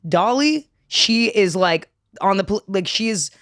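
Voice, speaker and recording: A woman's voice: medium pitch, expressive, unhurried, no echo, studio quality. A woman chatting casually on a podcast, rambling and peppering her talk with "like". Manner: rambling, heavy use of "like". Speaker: podcast co-host. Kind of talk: casual chat.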